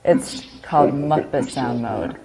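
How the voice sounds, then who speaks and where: A woman casually presenting her company's products, relaxed and laughing often between filler-heavy explanations. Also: extremely low pitch, slow pace, a crowd in the background. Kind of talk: casual product demo chat.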